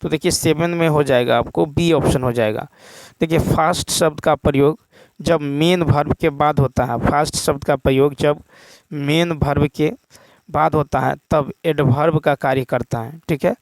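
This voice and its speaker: A man teaching exam questions in a steady explaining manner, often stopping to check with a quick "okay". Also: fairly high pitch, no echo.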